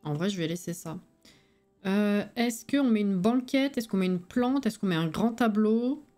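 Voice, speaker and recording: A woman's voice: mid-range voice, expressive, moderate pace, mellow. A tired woman with a lisp with slushy s sounds, thinking aloud in casual, colloquial live-stream commentary. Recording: voice over background music. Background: music.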